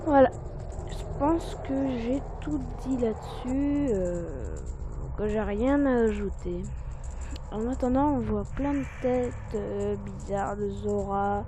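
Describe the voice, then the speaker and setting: A woman with a hoarse, strained throat, hosting a casual let's play in informal, youthful slang. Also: medium pitch, takes it slowly, background noise. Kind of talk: casual game commentary, reading dialogue aloud.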